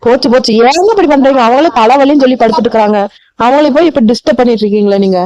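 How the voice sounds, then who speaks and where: A performer voicing a young woman of the household who scolds the family in a rapid, reproachful way, in a cartoon comedy. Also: sits high, a little mellow, close to an everyday voice, low-quality recording.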